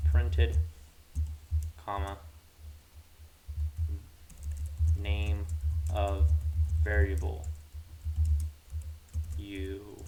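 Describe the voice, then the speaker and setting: A young man hosts a casual programming tutorial, informally thinking aloud as he codes. His voice is lowish and a bit bright. The hissy mic picks up the clatter of his computer keyboard.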